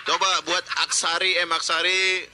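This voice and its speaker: A man's voice: high-pitched, little pitch movement, moderate pace, heavy background noise. A man co-hosting a comedy talk show who mockingly roasts callers with laughing sarcasm. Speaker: co-host. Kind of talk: comedic banter.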